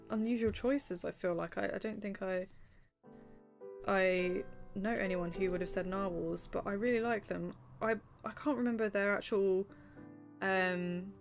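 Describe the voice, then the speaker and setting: A woman streamer chatting casually while she draws, reading out chat messages, with lots of ums and small laughs. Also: mid-range voice.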